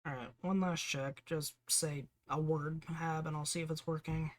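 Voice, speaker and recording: A man's voice: on the high side, flat delivery, normal speed. A man hosting a live gaming stream in casual chat. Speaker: streamer, host.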